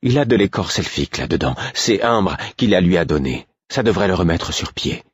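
A man's voice: sits low, lively intonation, moderate pace, husky, no room sound, clean studio sound. A man reading an audiobook voices a pale, anxious male jester, worried and exasperated.

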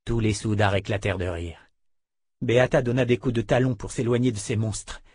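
Husky man reading an audiobook. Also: fairly low pitch, moderate pace, no room sound, clean studio sound. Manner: steady dramatic reading. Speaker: narrator. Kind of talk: scripted audiobook narration.

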